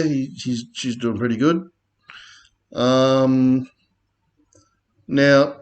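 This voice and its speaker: A man with an Australian accent talks through trading charts in a loose, rambling way, full of slang and fillers. He takes his time, drawling his words out slowly at a mid-range pitch. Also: a little mellow. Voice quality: laid-back, slangy, rambling. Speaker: crypto chart commentator. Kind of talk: casual chart commentary.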